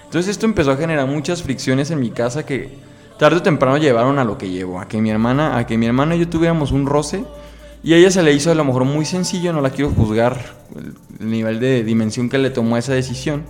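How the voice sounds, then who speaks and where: A man's voice: mid-range voice, fast, a little mellow. Young man, Mexican accent, candid emotional storytelling, casual slang, faint music in the background. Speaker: interviewee. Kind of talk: personal storytelling.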